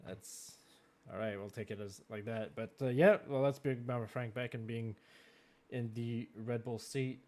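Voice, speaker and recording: A man with a French Canadian accent hosting a racing league draft, chatty and quick to laugh, with plenty of fillers. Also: mid-range voice, fairly even intonation, a little mellow. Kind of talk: live-streamed draft commentary.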